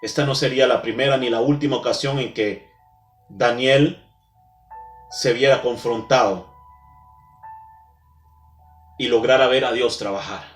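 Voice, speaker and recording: A man preaching a sermon as pastor, speaking straight to the congregation, slowing down and pausing for emphasis. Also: medium pitch, fairly even intonation. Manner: dramatic pauses, slows for emphasis, addresses the congregation directly. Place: church. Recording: echoey room with soft music behind.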